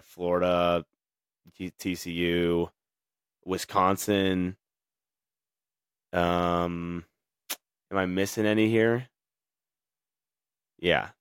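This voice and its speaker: A man's voice: low voice, little pitch movement, slow, long pauses, clean tone, dry recording, studio quality. A young man hosting a casual sports talk show, reading viewer comments and rambling through his takes with many fillers and restarts. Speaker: podcast host.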